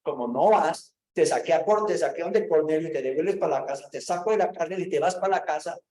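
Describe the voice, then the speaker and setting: A man voicing God as a patient, fatherly male figure in a Bible lesson, speaking in a gently coaxing, familiar way. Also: on the high side, fast talker, roomy sound, lightly acted.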